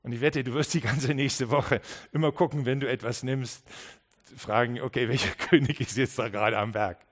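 Earnest man preaching, soft then emphatic. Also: medium pitch, steady tone, normal speed. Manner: earnest, direct address with many restarts; swings between soft and emphatic. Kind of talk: Christmas sermon.

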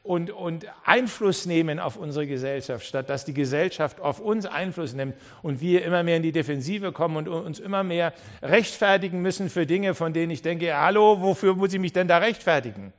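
A male preacher delivers a sermon in a church, in a voice pitched a little above the usual for a man. He drops low and quiet at times, then builds to loud, insistent appeals. He stumbles and repeats words as he goes. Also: moderate pace, hardly any pauses. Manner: swings between quiet, low passages and loud, emphatic rising appeals; repeats words and restarts often.

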